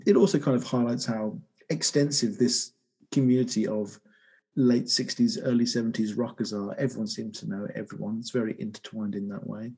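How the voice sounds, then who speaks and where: An English man hosts a relaxed music podcast, joking and getting easily worked up over small discoveries. His voice is mellow and dark in tone, with a husky edge. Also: mid-range voice, a little fast. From England. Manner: enthusiastic, jokey, excitable. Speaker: podcast host. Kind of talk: casual music podcast chat.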